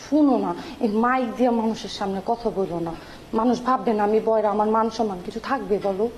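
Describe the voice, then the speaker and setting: An actress with a Bangladeshi Bengali accent playing a young, hard-of-hearing wife who argues back stubbornly. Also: female voice, fairly high pitch, fast, natural voice, low-quality recording. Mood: pleading. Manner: talks back, insistent and quarrelsome. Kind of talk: comedy drama acting. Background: background music.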